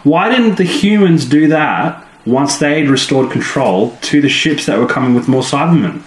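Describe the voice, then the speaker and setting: On a podcast recorded in an echoey room with faint background noise, a male co-host chats casually and playfully about a TV episode. His voice is expressive and moderately paced, and he mimics characters by leaping suddenly up in pitch.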